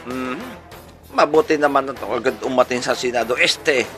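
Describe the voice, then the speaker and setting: Telling a comic tale as a radio-style channel host, a man with a Filipino accent speaks at medium pitch and a moderate pace, his tone a bit bright. He's playful and chuckling, full of rhetorical questions, with music in the background.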